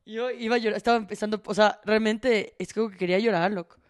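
Young woman, rapid talk, teasing banter, comedy podcast co-host. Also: medium pitch, fairly even intonation. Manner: teasing, quick jokes, crude banter. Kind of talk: casual comedy podcast chat.

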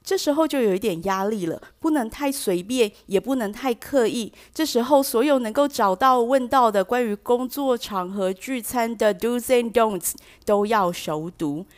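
Higher-voiced woman teaching English. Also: moderate pace. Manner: explains patiently, mixes English phrases into Mandarin; acts out example sentences with shifting stress. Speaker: language teacher host. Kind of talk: bilingual radio English lesson.

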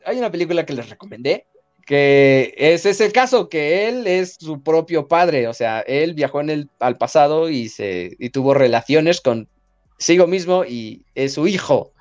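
With a slightly high voice and a somewhat slow delivery, a Mexican-accented man hosts a podcast on dull-sounding audio. He keeps things animated and playful, joking around and reading comments from listeners.

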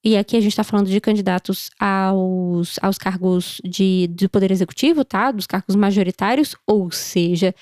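A woman's voice: medium pitch, normal speed, hardly any pauses, a little mellow, no room sound, studio quality. A Brazilian woman hosting a podcast as a casual explainer, chatty and playful, asking and answering her own questions in a choked, duck-like voice. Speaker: podcast host.

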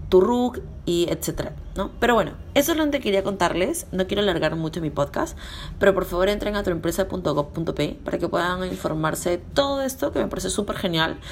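A woman with a Peruvian accent and a hoarse, throaty, sick-sounding voice, talking casually as a podcast host sharing practical information. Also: lowish voice. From Peru. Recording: clear background noise.

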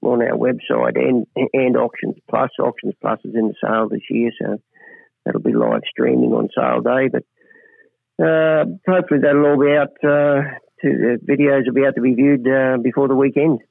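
Man, rural Australian accent, laconic drawl, very gravelly fry, understated, muffled lo-fi radio phone line. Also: mid-range voice, moderate pace, dry recording. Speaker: cattle stud principal, phone-in interview guest. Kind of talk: casual radio interview.

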